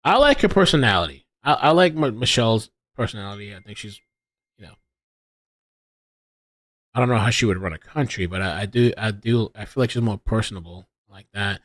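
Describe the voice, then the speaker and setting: A man's voice: fairly low pitch, expressive, a little fast, fairly bright tone, no echo, studio quality. A man hosting a casual live stream, thinking aloud with lots of restarts and reading viewer chat. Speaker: livestream host.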